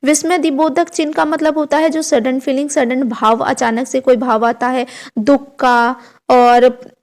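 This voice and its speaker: A woman's voice: high-pitched, steady tone, measured pace, a little mellow. A young woman teaching an online grammar lesson for exam students, explaining step by step and asking herself questions before answering, with English words mixed into her speech.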